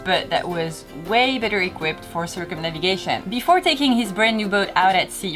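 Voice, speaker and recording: Sick lady vlogger w/ a stuffy nasal duck voice, telling a story, guitar music behind her. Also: lowish voice. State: sick with a cold. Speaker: sailing vlog host. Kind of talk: presenting to camera and storytelling.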